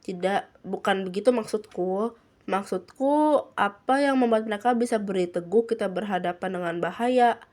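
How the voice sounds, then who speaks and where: A woman's voice: mid-range voice, moderate pace, darkish tone, close to an everyday voice. A woman voicing a proud, short-tempered young guardian girl who raises her voice when she is upset, in a storybook reading. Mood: quiet.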